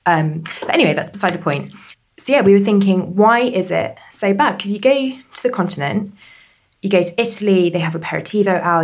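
A woman's voice: fairly low pitch, a little mellow. A woman, a drinks writer, chatting playfully as co-host. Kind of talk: casual chat.

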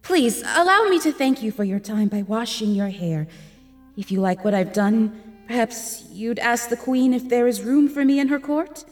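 An actress voicing a goddess in disguise as a humble young hairdresser, ingratiating and pleading in a podcast audio drama. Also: female voice, on the high side, animated, moderate pace, long reverb tail, soft background music, natural voice.

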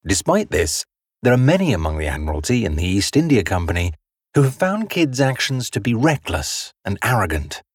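A man giving scripted, dramatic documentary narration in a measured storytelling manner. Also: fairly low pitch, very animated, slightly rough, no echo, clean studio sound.

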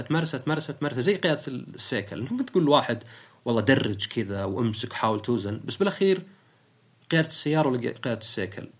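A man with a Saudi accent, a podcast host talking casually and explaining his views with everyday examples. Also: mid-range voice. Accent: Saudi Arabic.

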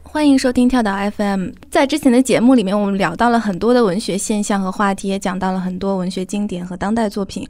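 A woman hosting a podcast, opening the episode and putting questions to her guests in a clear, orderly way. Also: mid-range voice, fast talker, hardly any pauses, a little mellow, no echo. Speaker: podcast host. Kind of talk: scripted podcast introduction.

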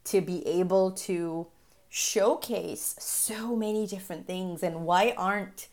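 Chatty woman from Singapore, low voice. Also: takes it slowly, darkish tone. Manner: chatty, laughs often, many fillers. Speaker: guest. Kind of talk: podcast interview.

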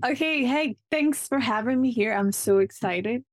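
A woman's voice: fairly high pitch, normal speed, dry recording. A young woman from Ecuador with an Ecuadorian Spanish accent, a marine biologist guest talking earnestly and eagerly, often restarting her sentences. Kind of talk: casual interview.

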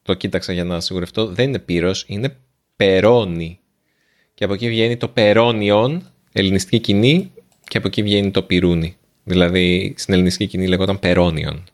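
A man hosting a casual podcast conversation, curious and quick with follow-up questions. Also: deep voice. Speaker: podcast host.

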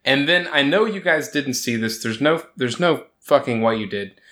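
A man hosting a casual sports chat, joking, sarcastic and quick to laugh as he runs through scores. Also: medium pitch, expressive, fairly bright tone. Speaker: podcast host.

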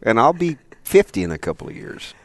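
A man's voice: mid-range voice, fairly quick, slight background noise. A man in his late forties co-hosting a sports talk show, joking around and laughing often. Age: 40s. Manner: animated, jokey, laughs often. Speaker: sports radio co-host. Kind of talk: casual sports talk banter.

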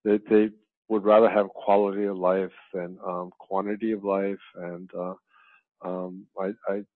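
A man's voice: low voice, flat delivery, measured pace, no echo. A man, a physician guest in an interview, talking with many fillers and restarts. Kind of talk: conversational interview. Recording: tinny phone-line remote call.

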